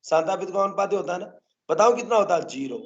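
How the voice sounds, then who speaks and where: A man's voice: high voice, animated, quick pace, muffled recording. A male botany teacher lecturing a class, constantly coaxing the students to answer his questions.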